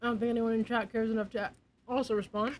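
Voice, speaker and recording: A woman's voice: on the high side, fairly even intonation, fast, a little hiss or hum, poor audio. A young woman streaming, chatting casually and giggly, sometimes dropping to a near whisper. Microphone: desk mic.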